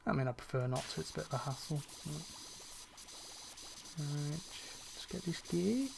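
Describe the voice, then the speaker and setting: A young male gaming streamer with a creaky, mid-range voice casually chats with viewers as he plays a cleaning game on stream. He rambles, using fillers and restarting sentences, and sounds slightly worn out. The recording has a little hiss or hum.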